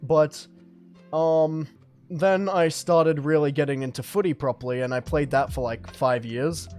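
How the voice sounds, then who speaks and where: A man's voice: a little high, steady tone, a little slow, darkish tone. A young man hosting a live stream, chatting casually and reflectively, often stumbling and restarting his sentences. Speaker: livestream host. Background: lo-fi music.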